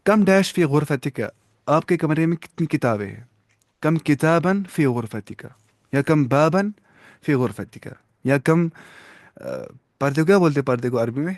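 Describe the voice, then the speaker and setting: A man with a slightly high, animated voice and a darkish tone teaches an Arabic lesson, patiently quizzing students and praising their answers while slipping English words into his explanations. The recording is clean studio sound with no echo, in a classroom-style format.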